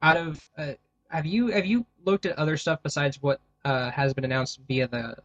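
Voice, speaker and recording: A man with a slightly high voice talks casually as a podcast co-host. He speaks haltingly and keeps restarting his sentences. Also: dull audio. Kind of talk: casual chat.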